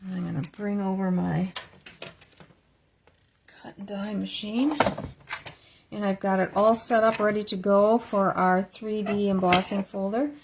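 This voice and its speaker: A woman's voice: medium pitch, steady tone, unhurried, creaky, pauses often, background noise. A woman giving a casual card-making tutorial at her craft table, chatty and thinking aloud as she works, recorded through an iPad camera. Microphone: iPad camera on a stand.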